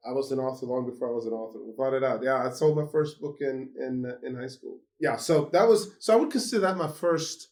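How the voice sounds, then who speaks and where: Swedish-born male guest, lively and rambling, mid-range voice. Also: medium pitch, fairly quick, few pauses. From Sweden. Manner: animated, many fillers and restarts. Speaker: guest author. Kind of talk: phone interview. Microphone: phone call.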